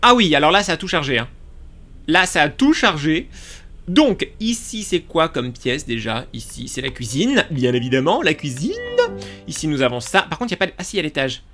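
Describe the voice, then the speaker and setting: A man giving excitable let's play commentary, talking to his viewers as he plays, with sudden yelps. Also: brisk, faint music behind. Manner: excitable, talks to viewers while playing; sudden yelps and jumps in pitch. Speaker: gaming YouTuber.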